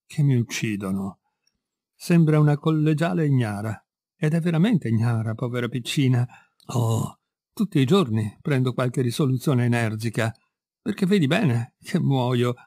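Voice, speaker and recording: Male reader as a worn-out middle-aged man, brooding and self-pitying, even pitch, close and dry. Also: no echo. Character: weary middle-aged man confessing ruinous passion. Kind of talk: read-aloud storytelling.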